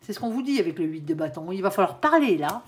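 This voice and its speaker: A woman's voice: fairly low pitch, very animated, quick pace, noisy background. A woman giving a tarot reading to viewers, chatty and reassuring, with frequent "hein" tags and the odd stumble over her words. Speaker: tarot card reader.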